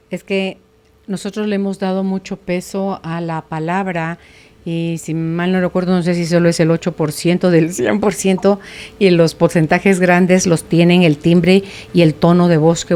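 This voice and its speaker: A woman's voice: on the low side, flat delivery, a little slow, darkish tone. A woman hosting a radio talk show, chatty and informal, moving between guest talk and listener messages. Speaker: radio podcast host. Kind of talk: casual on-air interview hosting.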